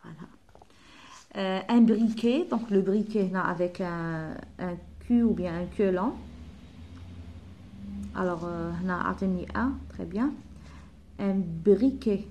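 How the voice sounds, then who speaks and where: A woman primary school teacher, slowly spelling out letters and sounds from a workbook and slipping into Arabic dialect. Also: fairly low pitch, a little mellow, slight background noise. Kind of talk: workbook lesson for children.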